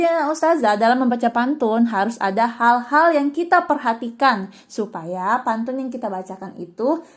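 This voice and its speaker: A young woman teaching an online lesson to children, cheerfully asking questions and answering them herself. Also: a little high. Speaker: religious school teacher.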